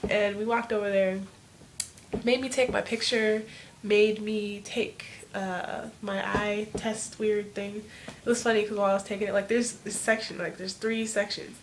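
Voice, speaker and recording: A teenage girl tells a personal story from her room in a casual, rambling way. She keeps tossing in "like" and trails from one thought to the next. A faint background noise sits beneath her mid-pitched voice. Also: flat delivery, moderate pace. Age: teens. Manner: rambling, filler-heavy with "like". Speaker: vlogger. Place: home room.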